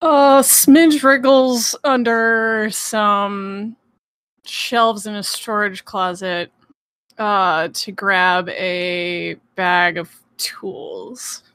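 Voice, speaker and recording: A woman playing a tabletop game, describing her character's actions briefly and in a measured way. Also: medium pitch, steady tone, a bit bright, smooth, no echo. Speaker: player.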